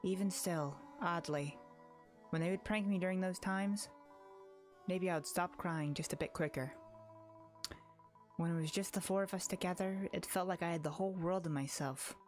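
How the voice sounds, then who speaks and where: A woman with a lowish, darkish voice, lightly acted and at a moderate pace, reads a visual novel as an anxious, lonely young girl. The earnest, wistful inner monologue dwells on her haunted thoughts, with music behind the voice.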